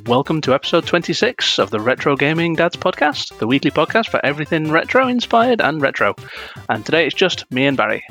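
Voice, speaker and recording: A man's voice: fairly high pitch, sing-song, brisk, fairly bright tone, soft background music. A young man co-hosting a casual gaming podcast, ranting in a self-deprecating way. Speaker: podcast co-host.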